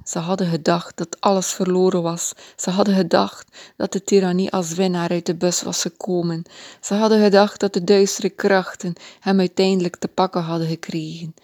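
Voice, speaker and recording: A woman reading a children's Bible story aloud in a gentle, expressive way. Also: on the low side, moderate pace, no echo, clean studio sound.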